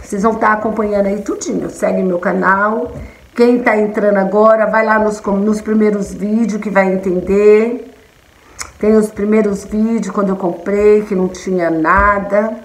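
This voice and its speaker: A woman's voice: medium pitch, fairly even intonation, normal speed, roomy sound, low-quality recording. A middle-aged Brazilian woman chatting casually and affectionately to her viewers on camera. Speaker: vlogger. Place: indoors in a small kitchen.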